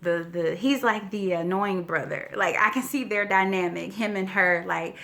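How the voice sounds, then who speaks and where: A woman's voice: medium pitch, normal speed, gravelly, a bit bright. A woman in her forties chatting casually to her viewers in a storytelling vlog, slightly winded and often checking in with "okay?" and "you know". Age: 40s. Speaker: vlogger.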